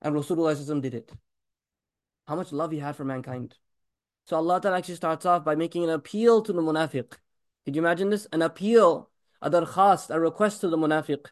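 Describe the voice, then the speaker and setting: A male religious teacher gives a talk at a breakneck pace. His voice sits high, and he presses his points with rhetorical questions and repeated blessings. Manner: rapid, emphatic preaching with blessings on the Prophet woven in.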